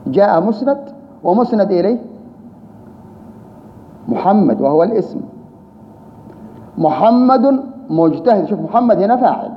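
A man's voice: high-pitched, animated, normal speed, pauses often. A man teaching Arabic grammar, explaining patiently, repeating key terms and asking rhetorical questions. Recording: roomy reverb, dull lo-fi sound, faint hiss.

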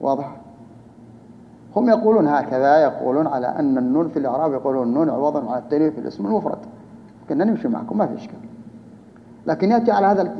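A man teaching a grammar lesson, explaining step by step and putting questions to his students. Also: a little high. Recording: dull lo-fi hall recording with faint noise.

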